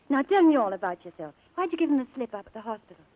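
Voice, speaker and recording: In an old radio broadcast recording of a 1940s-style drama, an actress with a fairly high, sing-song voice plays a kind, chatty young showgirl who is protective. She speaks fairly quickly, bright, bubbly, coaxing, and gently reassuring, though the audio is poor.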